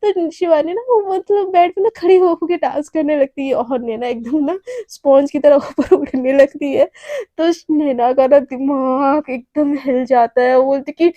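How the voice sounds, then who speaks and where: Young woman chatting through a story, high but mellow voice, dry close sound. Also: unhurried, no room sound. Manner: chatty, animated, retelling with filler words. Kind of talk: casual story narration.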